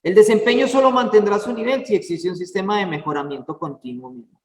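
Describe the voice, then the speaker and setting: A man's voice: high voice, fast. A man teaching a church class in a chatty way, full of fillers and asking listeners for words. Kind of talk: informal church lesson. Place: church hall. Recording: echoey hall, far from the mic.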